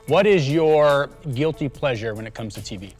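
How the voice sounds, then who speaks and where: Casual interviewer: American man, mid-pitched, conversational, light music behind. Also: lively intonation, normal speed, darkish tone. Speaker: interviewer hosting a hot wings challenge. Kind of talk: casual chat.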